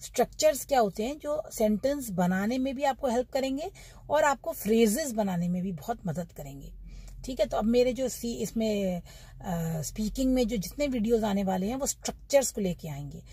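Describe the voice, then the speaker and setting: Woman, Indian accent, middle-aged English teacher, slow stretched-out model words, mellow husky voice. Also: on the high side, animated. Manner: slow, drawn-out model words, repeated for practice. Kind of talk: pronunciation lesson.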